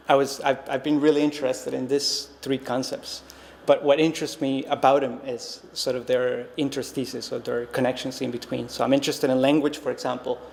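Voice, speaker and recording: As a visiting artist, a native Spanish-speaking man from Costa Rica, in his thirties, speaks reflectively and hesitantly, frequently restarting and saying um. His mid-range voice is gravelly with a darkish tone, recorded in a gallery whose long reverb carries faint noise.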